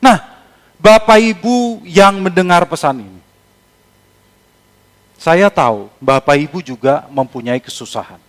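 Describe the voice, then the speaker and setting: Pastor, man, casual joking sermon, a touch high-pitched, long reverb from a big hall. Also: a little slow, pauses often. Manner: conversational, joking asides to the congregation; colloquial, informal.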